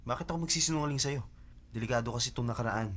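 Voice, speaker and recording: A man's voice: mid-range voice, rapid-fire, a bit bright, natural voice. A man dubbing the part of a blunt, protective rich young man in a drama. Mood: complaining. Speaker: dub actor. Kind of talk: Tagalog drama dub. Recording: dub with faint music underneath.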